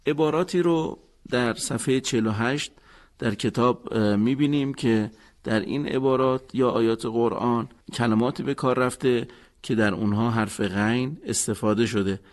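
Calm male instructor, steady lesson narration. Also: mid-range voice. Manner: calm, methodical, explaining pronunciation. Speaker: teacher.

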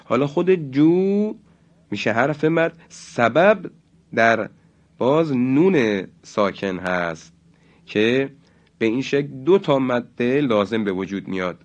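A man teaching Quran recitation rules in a slow, deliberate lesson, stretching out example words. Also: medium pitch, lively intonation, dull audio. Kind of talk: religious lesson.

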